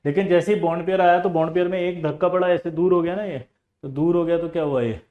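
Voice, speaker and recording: A male chemistry tutor, lecturing his class in a high, animated voice. He teases and scolds students between explanations. He drives points home with repeated, everyday examples. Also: fast, narrow, tinny audio. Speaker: chemistry coaching teacher.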